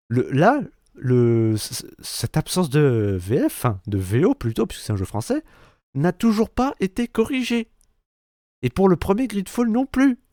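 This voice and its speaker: Profane ranting Frenchman, slow and lively. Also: fairly high pitch, no echo, clean studio sound. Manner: crude, profane, sarcastic ranting. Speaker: youtuber reacting to a trailer. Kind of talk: angry reaction rant.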